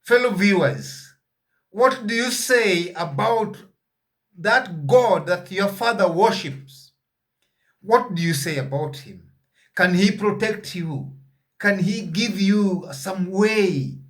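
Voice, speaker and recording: A man reading Bible verses aloud and explaining them in a sermon, pausing often with fillers and putting questions to his listeners. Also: sits high, animated, fairly bright tone. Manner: halting, with frequent "uh" fillers. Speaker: Bible teacher.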